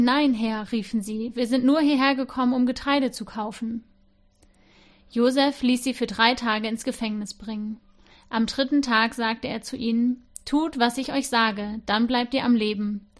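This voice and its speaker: A woman reading a Bible passage aloud in church, giving the quoted speakers some expression. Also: fairly high pitch. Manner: reads with expression, voicing the speakers' lines. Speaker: scripture reader.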